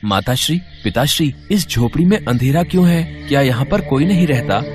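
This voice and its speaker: A man's voice: medium pitch, animated, fairly quick, a little mellow, natural voice. A man voicing the young god Ganesha as an eager, cheerful boy in a storybook tale. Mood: curious. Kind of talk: storybook voice acting. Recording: music playing behind.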